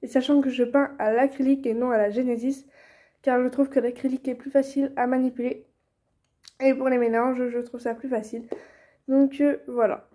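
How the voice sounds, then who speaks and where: A young woman, chatting casually through a how-to tutorial, filling pauses with many hesitations and restarts. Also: sits high, level tone, dark tone. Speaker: vlogger teaching reborn doll painting.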